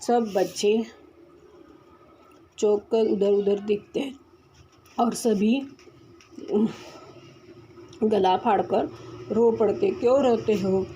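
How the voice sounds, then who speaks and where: A woman's voice: medium pitch, steady tone, takes it slowly, pauses often, mellow, a little hiss or hum. A woman teacher reads a Hindi lesson aloud and then explains each line, often restarting herself. It is a home recording with slightly dull sound.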